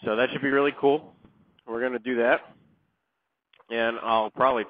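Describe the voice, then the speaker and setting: In a fairly low voice with no echo, a middle-aged rider vlogs from his motorcycle, rambling and poking fun at himself with plenty of fillers. The helmet mic gives a muffled, tinny sound, and road noise runs underneath.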